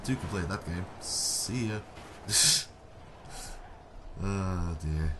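A young gaming YouTuber with a low voice gives slow, casual, sarcastic commentary over a car-football game, mocking himself and his teammates. The background is noisy.

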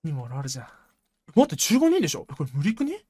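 A woman streamer talking to herself through a tense match in rough, slangy, excitable speech. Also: low-pitched, fast, dry recording. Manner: jumpy, excitable self-talk, rough slangy speech, frequent laughs. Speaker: game streamer. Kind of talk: live gameplay commentary.

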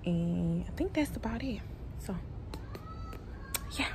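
A woman's voice: mid-range voice, animated, slow, background noise. A woman, chatting casually in a rambling vlog with lots of fillers. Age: 20s. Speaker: vlogger. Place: on the go, outdoors and in a car.

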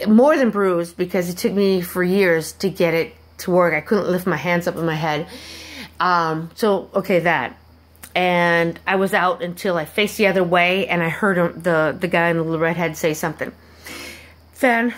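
A woman telling a personal story to her viewers in a halting, rambling way, with many restarts and asides. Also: lowish voice. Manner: animated when acting out quoted people. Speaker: vlogger.

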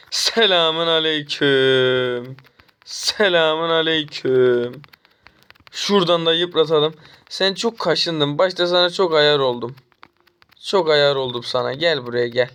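A man's voice: fairly high pitch, clean tone. Young man taunting while gaming. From Turkey. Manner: taunting, trash-talking the enemy; excitable, jumps up when chasing. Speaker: mobile game streamer. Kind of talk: live gameplay commentary.

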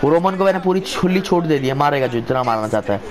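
A man with a slightly high voice commentates a wrestling video game in an excited, casual way. He talks like an informal wrestling commentator calling the action move by move, often repeating short phrases. There is faint noise behind his voice. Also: fast.

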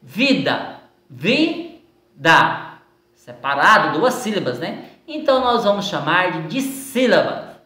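Woman, Brazilian accent, teacher reviewing homework; slow, animated delivery, roomy echo. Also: fairly low pitch. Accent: Brazilian Portuguese. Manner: slow and patient, stretching words out syllable by syllable. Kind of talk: recorded lesson going over exercises. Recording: echoey room sound.

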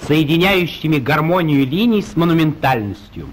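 Guy reading an old 1930s newsreel, high lively voice, very formal and solemn. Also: normal speed, noisy background. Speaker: newsreel narrator. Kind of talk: 1930s Soviet newsreel narration.

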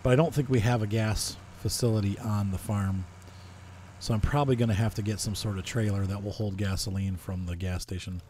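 A man's voice: fairly low pitch, steady tone, a little fast, darkish tone, a little hiss or hum. A man casually talking through a farming simulator playthrough, thinking aloud with frequent fillers. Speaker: gaming video host. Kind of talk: casual farming-sim commentary.

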